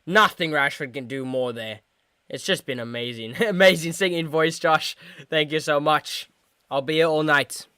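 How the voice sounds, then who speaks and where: A man hosting a live football watchalong, who jumps from shouted play-by-play to low mumbled asides. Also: moderate pace, clean tone, no echo, studio quality. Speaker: host of a football watchalong stream.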